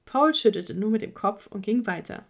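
A woman reading a children's story aloud with expressive, dramatic storytelling. Her pitch sits mid-range but moves in very lively swings. A gravelly fry runs through her voice. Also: normal speed.

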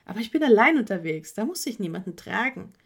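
A woman's voice: medium pitch, big pitch swings, fast, vocal fry. A woman voicing a proud young male horse in a children's storybook, with an indignant, insistent manner. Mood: explaining.

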